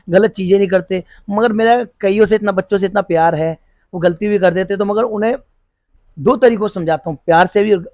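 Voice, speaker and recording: A middle-aged policeman talks earnestly about his work, pausing and restarting as he hunts for words. His voice sits high for a man. The sound is dry and close, with almost no room echo. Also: darkish tone. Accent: Hindi. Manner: earnest, repeats and restarts while searching for words. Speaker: police officer running a free school. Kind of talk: interview answers.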